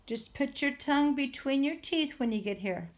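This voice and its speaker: A woman teacher giving a phonics lesson to young children, sounding out letters and words with slow, exaggerated speech. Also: high-pitched, animated.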